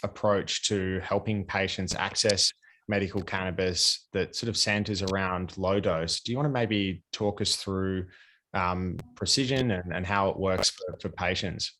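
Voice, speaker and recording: A man's voice: sits low, fairly even intonation, a little slow, pushed and bright. A man hosting a podcast, greeting listeners and asking loose, rambling questions with ums. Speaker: podcast host. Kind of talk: casual interview hosting.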